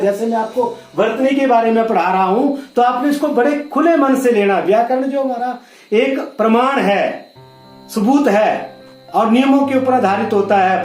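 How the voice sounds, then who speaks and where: Male teacher, high voice, patient and repetitive, slow careful sounding-out, recorded in a roomy echo. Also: a little mellow. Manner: patient, repeats and spells out sounds slowly. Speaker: Hindi teacher. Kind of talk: classroom lesson explanation.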